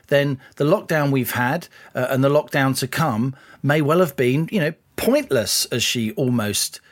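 A man co-hosting a political podcast, laying out his analysis in a measured, deliberate way. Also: medium pitch, animated. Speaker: podcast co-host, columnist.

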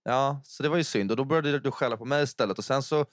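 A man's voice: medium pitch, no room sound, studio quality. A man co-hosting a casual podcast chat, rambling in a laid-back way with wry understatement. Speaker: podcast co-host.

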